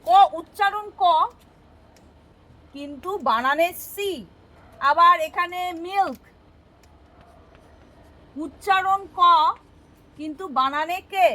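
A woman's voice: extremely high pitch, slow, long pauses, bright, forceful tone. A woman teaching English spelling rules step by step, patient and asking her students questions as she explains. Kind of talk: spoken English spelling lesson.

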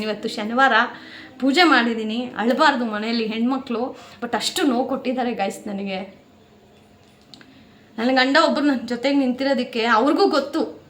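A woman's voice: high-pitched, a bit bright, reverberant. A woman vlogger talking to her viewers at home, aggrieved and indignant, close to tears as she vents. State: near tears. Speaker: family vlogger. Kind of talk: emotional talk to camera.

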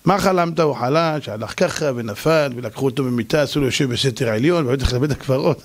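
A man, a rabbi, giving a lively Torah lecture, telling stories and acting out their characters. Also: mid-range voice. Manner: animated storytelling, acting out characters.

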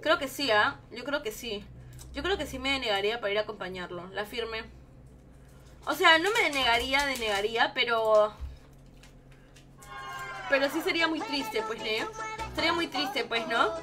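A woman's voice: on the high side, lively intonation, moderate pace, pauses often, sharp tone. A woman streaming live, reacting to viewer videos in an emotional, swearing, affectionate way. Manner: emotional, swears often, calls viewers "baby" and "king". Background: faint children's music.

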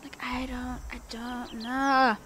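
A woman's voice: high voice, little pitch movement, slow pace, pushed and bright, a little hiss or hum. A woman giving let's-play commentary at home on a cheap microphone, rambling and talking to herself, repeating her questions over and over. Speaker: gamer playing on video. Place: home room.

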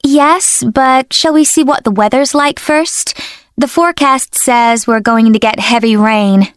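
An actress playing a sensible woman chatting with a friend in an animated, clearly enunciated scripted dialogue. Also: fairly high pitch, a little slow, dry recording, clean studio sound, close to an everyday voice. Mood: lightly insistent.

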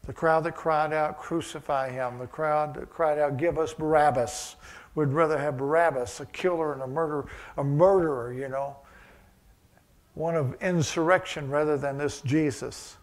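A man's voice: fairly high pitch, fairly even intonation, normal speed. A male pastor preaching a sermon, mixing conversational asides with rising, emphatic passages.

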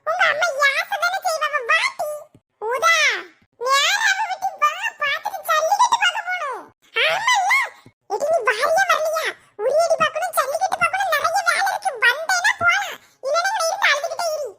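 A chatty village girl, played by a woman in a cartoon. She teases and laughs as she talks. Her voice is very high and bright. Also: moderate pace. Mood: teasing. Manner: lively, teasing, laughing.

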